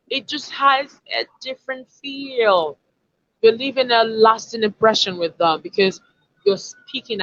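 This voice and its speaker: A woman's voice: mid-range voice, a bit bright, dull audio. A woman, a communication expert explaining and demonstrating word sounds in an online lesson over a video call. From Africa.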